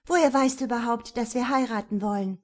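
A high, gushing young bride-to-be in an audiobook, voiced by a woman narrator. Her voice lifts well above the reader's own and pushes louder, girlish and pleading, with a faintly breathy edge. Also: animated, unhurried. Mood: indignant, excited.

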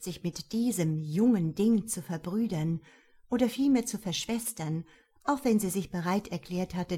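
A woman narrating a novel in an expressive, lively reading voice. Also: mid-range voice, husky. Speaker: audiobook narrator.

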